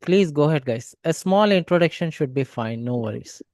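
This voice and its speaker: A man's voice: a little high, lively intonation, moderate pace, darkish tone, no echo. A man teaching an online class, explaining step by step and often restarting with "okay, so". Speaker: cybersecurity trainer. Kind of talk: online lecture.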